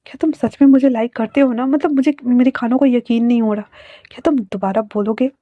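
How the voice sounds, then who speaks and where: A woman voicing a young male police officer who speaks in a lowered, hushed and teasing way. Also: steady tone, fairly quick, no echo, natural voice. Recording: dry, dull lo-fi sound.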